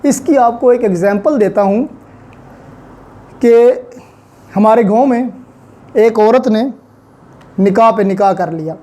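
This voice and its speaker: A Pakistani-accented man lectures on law slowly, with long pauses, his high-sitting voice dark in tone. The delivery is didactic and explanatory, circling back over points and mixing in English terms.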